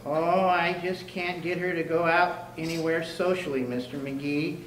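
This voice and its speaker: Casting: male actor as mild henpecked American husband, cheerful and polite, drawn-out delivery, radio comedy, distant roomy sound. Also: on the high side, fairly even intonation, a bit bright. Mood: mildly proud. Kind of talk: old-time radio comedy acting. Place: clubhouse hall, live performance. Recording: echoey clubhouse, distant mic, clear noise.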